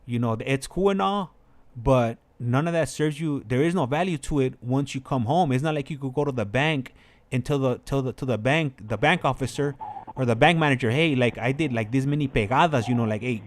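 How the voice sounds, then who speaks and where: A brisk, mid-range male voice belongs to an American channel host chatting casually. He tells personal stories in a rambling, repetitive way, his speech peppered with filler like "like" and "you know."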